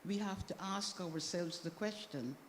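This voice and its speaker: A woman's voice: lowish voice, unhurried. A woman speaking as a panelist in a church discussion, earnest and emphatic. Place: church hall. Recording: echoey hall, faint background noise.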